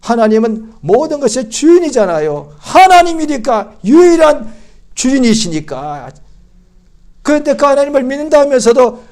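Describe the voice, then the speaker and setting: A male pastor giving a Christmas sermon in church, swinging from loud outbursts to hushed, quiet speech. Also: very high voice, big pitch swings, normal speed. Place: church service.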